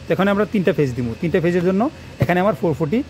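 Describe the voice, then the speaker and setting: An electrician teaching wiring on his channel talks to camera in a quick, rambling way, repeating himself as he works. His voice is slightly high with a darkish tone, captured by a phone camera propped nearby with faint background noise.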